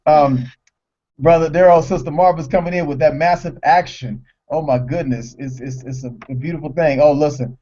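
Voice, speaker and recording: A man co-hosting a live broadcast, talking in an excitable, rambling way and stumbling over words. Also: on the high side, moderate pace, highs cut off. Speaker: co-host.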